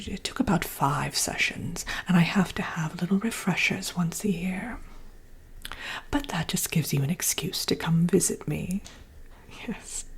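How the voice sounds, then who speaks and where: Vain, sassy witch played by a woman for ASMR roleplay: very breathy whisper, low pitch, coy delivery. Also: exaggerated voice. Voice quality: breathy, soft-spoken whisper. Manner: unhurried, coy, self-admiring, calls listener dearie. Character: vain, sassy, green-skinned Wicked Witch, condescendingly friendly.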